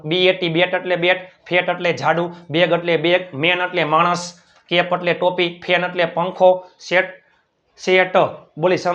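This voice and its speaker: A man runs a beginners' English lesson, spelling each word out slowly letter by letter and saying it again and again. His voice sits high, and he keeps checking that his listeners follow. The recording sounds muffled and lo-fi. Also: fairly bright tone. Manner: repeats words and keeps asking "right?". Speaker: English teacher.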